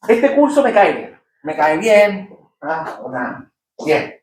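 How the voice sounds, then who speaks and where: A middle-aged man with a Chilean accent, a professor lecturing his class and telling lively anecdotes, acting out the characters. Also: high voice, slow, slight background noise. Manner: animated, acts out characters in anecdotes. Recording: echoey room from far off.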